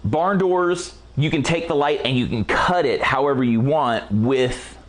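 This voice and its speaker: A man teaching a casual photography lighting tutorial in a relaxed, slangy, enthusiastic way while he is losing his voice. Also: mid-range voice, unhurried. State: losing his voice, clearing throat. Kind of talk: casual product walkthrough tutorial.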